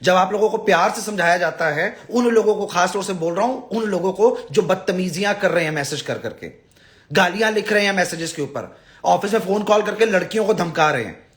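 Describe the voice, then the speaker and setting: His voice is high-pitched, brisk, and fairly bright. He's a visa advisor hosting a live stream, and he addresses his followers bluntly and with exasperation, alternating scolding and pleading while repeating himself for emphasis.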